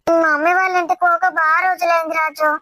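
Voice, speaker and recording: A woman playing a whiny, pleading young wife, very high voice. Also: flat delivery, fast talker, pushed and bright, dry recording. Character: young wife nagging her husband for a visit home. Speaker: actor in a family comedy drama. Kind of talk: amateur family drama acting.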